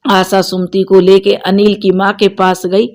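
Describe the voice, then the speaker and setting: A woman's voice: mid-range voice, unhurried. A woman host narrating a family story, acting out each character. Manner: expressive, acts out every character.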